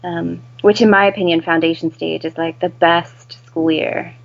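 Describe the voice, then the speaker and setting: An American woman with a fairly low voice and a lot of vocal fry. She talks casually as an interview guest, on a slightly muffled recording. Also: fairly even intonation, moderate pace. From United States. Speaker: interview guest, home-educating mother.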